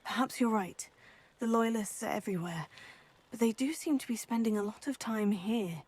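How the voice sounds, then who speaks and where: A woman's voice: fairly high pitch, darkish tone, husky. An actress playing a curious young female witch student, in video game dialogue. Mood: thoughtful. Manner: inquisitive, quick to notice things.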